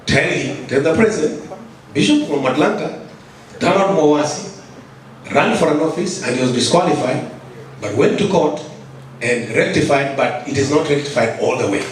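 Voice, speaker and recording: A man's voice: fairly high pitch, animated, moderate pace. A man, asking a question from the floor at a conference. He is insistent, repeats himself and stumbles over words. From Kenya. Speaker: audience member asking a question. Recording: echoey hall, distant mic, light noise.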